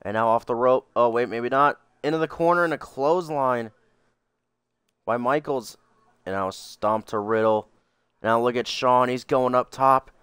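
A man calling play-by-play like a wrestling commentator, with dramatic, excitable calls and casual asides. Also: medium pitch, normal speed, clear, resonant tone, dry recording. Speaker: video game player commentating on a wrestling match.

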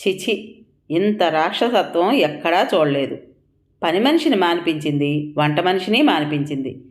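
A woman's voice: on the low side, lively intonation, moderate pace, close to an everyday voice. A woman doing a bitter old milkman. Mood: indignant. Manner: bitter, indignant.

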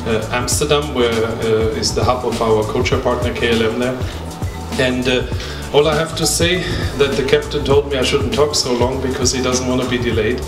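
A middle-aged man's voice comes from a distance through a handheld mic in an echoey airport lounge. He gives an informal welcome speech to a crowd, a little haltingly, with music behind him. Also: mid-range voice, steady tone. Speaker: airline executive. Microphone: handheld microphone over PA.

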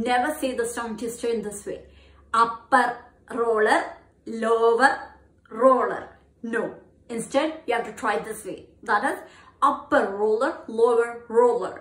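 Slow-spoken Malayali woman teaching pronunciation. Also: a little high. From Kerala, India. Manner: slow, deliberate modelling of words. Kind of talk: bilingual pronunciation lesson. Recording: echoey room.

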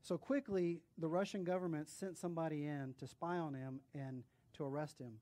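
A male pastor preaching and telling a story, animated, with hushed drops at solemn moments. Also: a little high, moderate pace. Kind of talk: sermon storytelling.

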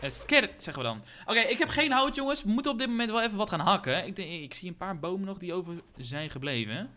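Young male streamer, hyped and slangy, bright tense voice over faint game music. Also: high-pitched, quick pace. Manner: excitable, hyped, shouts at big moments, slangy. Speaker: gaming streamer. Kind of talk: live game stream commentary.

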